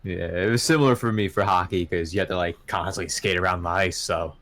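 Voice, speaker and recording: A young man with a deep, low voice and a New York accent talks easily as a podcast guest. He tells stories with relaxed enthusiasm, opening with a casual "yo". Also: fast. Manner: laid-back, enthusiastic storytelling with frequent "yo".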